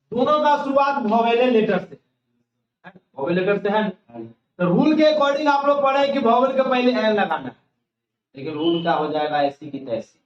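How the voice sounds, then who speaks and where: A male grammar teacher giving a colloquial classroom lecture, explaining step by step and asking and answering his own questions. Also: high voice. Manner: folksy, colloquial teaching style. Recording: echoey, distant, dull lo-fi classroom recording.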